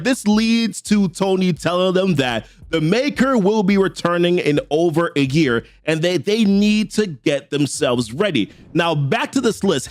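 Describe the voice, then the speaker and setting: A young man with a Jamaican accent and a high-pitched voice recaps a comic story for his comic book channel, with no echo in the audio. He keeps it casual and slangy, quoting characters' lines in quick bursts.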